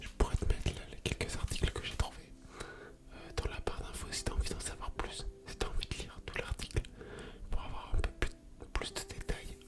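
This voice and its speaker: A woman hosting ASMR in a soft, unvoiced library whisper, reading aloud and commenting casually. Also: fairly quick. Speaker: ASMR video creator and host.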